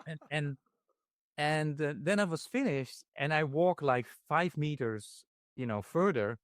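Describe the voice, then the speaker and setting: A man from the Netherlands hosting a podcast interview, telling stories in a halting, self-deprecating way. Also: on the high side, animated, no echo, studio quality. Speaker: podcast host. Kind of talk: casual interview chat.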